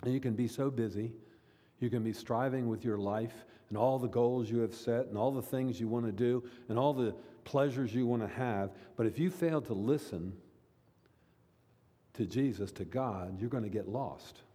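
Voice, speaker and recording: A man's voice: mid-range voice, normal speed, warm tone, big-room sound. A man preaching a sermon as pastor, speaking earnestly and repeating key phrases for emphasis.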